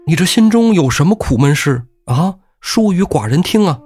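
A man voicing a jovial, pleasure-loving old emperor in a storytelling show, with an excitable, playful manner. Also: moderate pace, breathy edge. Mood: startled. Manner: high-pitched, excitable and playful.

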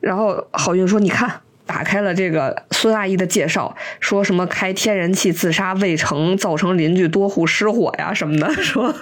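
A woman co-hosting a podcast, retelling a TV plot in casual chat, animated and acting out the quotes as she goes. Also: on the low side, moderate pace, hardly any pauses. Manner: animated storyteller, acts out quotes, laughs often. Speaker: podcast co-host.

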